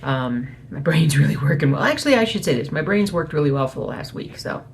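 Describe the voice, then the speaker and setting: A woman speaking quietly at night in a casual, rambling, self-correcting chat, hosting an informal video update. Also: sits low, animated, brisk, a little hiss or hum. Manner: speaking quietly at night so as not to wake someone. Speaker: host of a weekly cross stitch video update. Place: small home office.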